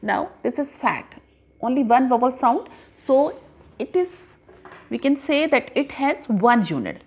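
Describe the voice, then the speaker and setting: A woman teaching a grammar lesson patiently, spelling words out letter by letter with frequent pauses. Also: high-pitched, expressive, darkish tone. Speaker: English teacher.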